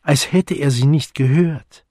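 A man's voice: on the high side, measured pace, darkish tone, no room sound, clean studio sound, voice pushed up. A man voicing a clever, self-assured young woman in a story, with eager emphasis.

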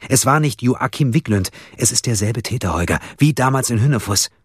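A man reading an audiobook, voicing an agitated, excited woman police investigator in a raised voice. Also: mid-range voice, brisk, breathy edge, dry recording, clean studio sound, voice pushed up. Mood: urgent. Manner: urgent, excited, breathless.

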